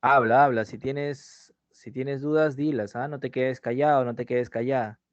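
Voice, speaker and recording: A man's voice: mid-range voice, fairly even intonation, normal speed, no room sound. A man giving an online pre-university language class, often repeating his key phrases and checking in with "¿sí?". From Peru. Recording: dull, dry lo-fi mic sound.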